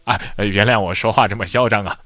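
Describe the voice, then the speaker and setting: A man's voice: on the low side, steady tone, fast talker, bright, forceful tone, voice pushed down. A man voicing a poor but ambitious young man who talks boastful yet polite.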